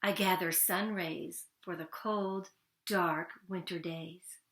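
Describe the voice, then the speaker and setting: A woman voicing a small male field mouse, a calm and dreamy poet in a children's storybook, with a simple, gentle delivery. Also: lowish voice, slow pace, echoey room. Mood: calm, earnest. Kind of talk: children's storybook read-aloud.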